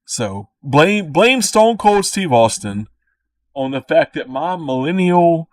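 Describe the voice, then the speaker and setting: A man's voice: fairly high pitch, expressive, slow pace, dry recording. A man in his thirties with a Cajun accent, rambling through casual, profane commentary with frequent laughing asides. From Louisiana. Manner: laughing asides, swears often, repeats himself. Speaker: creator reacting to his own old video. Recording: dry voice, a bit far from the mic.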